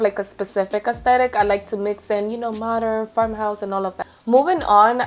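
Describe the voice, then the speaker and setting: A young woman chatting casually and informally as she vlogs about home decor. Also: medium pitch. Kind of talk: casual vlog chat. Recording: background music.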